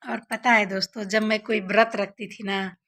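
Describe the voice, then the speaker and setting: A woman's voice: mid-range voice, level tone, normal speed, sharp tone. A young woman vlogger casually telling childhood stories to her viewers, often calling them friends.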